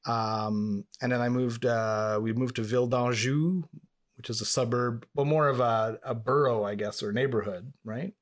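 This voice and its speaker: A man's voice: medium pitch, steady tone, normal speed. Chatty man from Montreal. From Montreal, Canada. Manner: chatty, rambling storyteller. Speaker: podcast co-host. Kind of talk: casual podcast chat.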